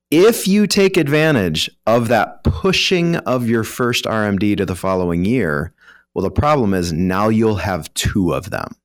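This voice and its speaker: Informally and conversationally, an American-accented financial professional lays out the rules as a guest expert, acting out hypothetical examples in the first person. His voice is on the low side, and the studio-quality recording has no room sound.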